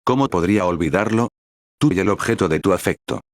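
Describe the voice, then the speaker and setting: A man's voice: sits low, animated, brisk, no room sound, studio quality. A man voicing a friendly, mischievous male priest who teases his companions. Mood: teasing. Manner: amiable, teasing.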